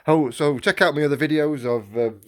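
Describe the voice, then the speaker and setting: A man with a sore throat giving a casual, halting toy demonstration, muttering as he goes. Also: a little high. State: sore throat, throat-clearing and coughing. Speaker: toy seller and video maker. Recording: noisy home recording with clear background noise.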